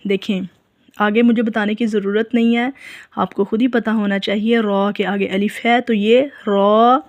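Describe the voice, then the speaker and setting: A woman recitation teacher with an Urdu accent talks at a very slow, measured pace. She draws out each letter sound and corrects in a firm, instructive way. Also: mid-range voice, steady tone. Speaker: Quran reading teacher. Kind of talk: slow step-by-step recitation lesson.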